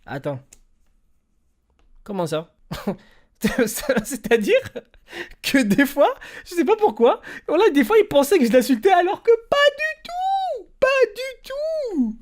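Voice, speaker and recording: Young guy streamer, animated storyteller, slangy chat. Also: very high voice, takes it slowly, pauses often. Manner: animated storyteller, slangy, swings between loud bursts and quiet mumbling. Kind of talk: casual livestream chat.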